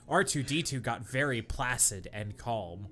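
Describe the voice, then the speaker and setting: A podcast host with a husky, mid-range voice reads slowly, pushed and bright, his pitch swooping wildly, with faint music behind. It's a comic reading of bad fan fiction where he stumbles over the clumsy prose, breaks into laughter and makes incredulous, mocking asides.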